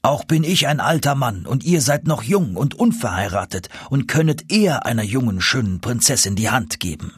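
A man's voice: medium pitch, very animated, moderate pace, hardly any pauses, breathy edge, no room sound, clean studio sound. A man voicing an old grand vizier turned into a stork, speaking in a fussy, indignant tone.

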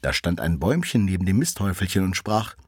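A narrator reading a fairy tale aloud in a lively, animated way. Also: low-pitched, fast talker, husky, dry recording, studio quality.

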